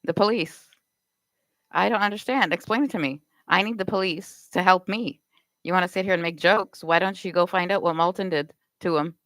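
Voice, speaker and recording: A woman's voice: lowish voice, moderate pace, fairly bright tone, no room sound, poor audio. A Canadian woman live streaming, firing off accusatory rhetorical questions in a confrontational rant.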